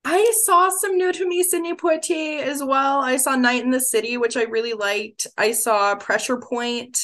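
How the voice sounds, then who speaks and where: A woman co-hosting a podcast, chatting casually and reading through a quick list with enthusiasm. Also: sits high, fairly even intonation, fairly bright tone. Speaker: podcast co-host. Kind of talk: casual chat.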